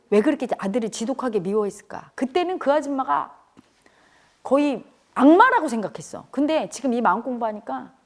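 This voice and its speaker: A middle-aged woman earnestly telling a painful childhood memory to an audience, her voice turning tearful at times. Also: a little high. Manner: tearful and earnest, rising to cries when reliving events. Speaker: speaker at a spiritual community talk. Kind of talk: emotional personal storytelling.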